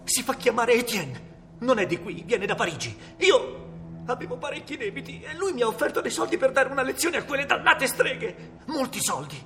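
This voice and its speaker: A man's voice: very high-pitched, sing-song, moderate pace, bright, forceful tone, big-room sound, full character voice. An actor playing a frightened male suspect who pleads and swears his innocence. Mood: nervous. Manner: pleading, desperate.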